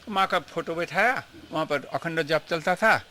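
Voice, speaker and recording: An older man, his voice on the high side with a sharp tone, takes his time as he looks back on his years with his guru. The interview has him telling the story emotionally and earnestly, with English phrases mixed in.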